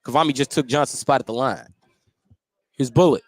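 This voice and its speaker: A radio play-by-play commentator gives a running account of a basketball game from a courtside spot in a school gym. He talks a little fast at medium pitch, with gym noise audible in the live broadcast.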